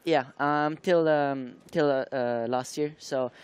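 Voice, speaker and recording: Young halting man with a smooth voice. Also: on the high side, fairly even intonation, no room sound. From Taiwan. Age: young adult. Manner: halting, searching for words with many fillers. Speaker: motocross rider guest. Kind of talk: studio interview answers. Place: TV studio.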